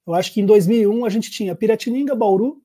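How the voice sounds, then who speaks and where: A Brazilian man with a very dark, mellow tone and a fairly high pitch speaks as a podcast guest. He recalls the past thoughtfully, pausing and hedging as he goes. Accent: Brazilian Portuguese. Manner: reflective, hesitant recollection. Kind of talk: casual conversation.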